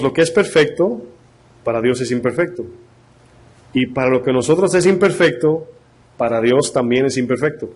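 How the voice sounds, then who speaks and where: A man's voice: medium pitch, darkish tone. A male pastor. He talks animatedly, throwing rhetorical questions at his listeners. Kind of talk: sermon.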